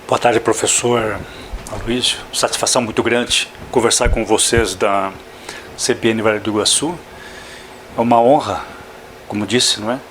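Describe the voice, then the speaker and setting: A man's voice: lowish voice, steady tone, normal speed, fairly bright tone, slight background noise. An older man, a veteran journalist, speaking as a guest in a radio studio interview, talking reflectively and often adding "não é?" tags. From Santa Catarina, southern Brazil.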